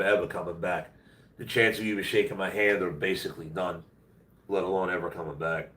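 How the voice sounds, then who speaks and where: Lowish and a bit bright, this man's voice comes through congested, nasal and worn out as he livestreams from home while under the weather. He rambles casually, blunt, slangy and plain-spoken. The roomy indoor space sounds echoey, with the mic at a distance.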